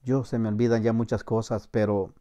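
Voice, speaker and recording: A man's voice: fairly low pitch, little pitch movement, a little fast. Salvadoran man telling war stories. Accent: Salvadoran Spanish. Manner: acts out shouted commands, laughs, voseo slang. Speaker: former soldier telling his story. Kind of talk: animated storytelling to camera.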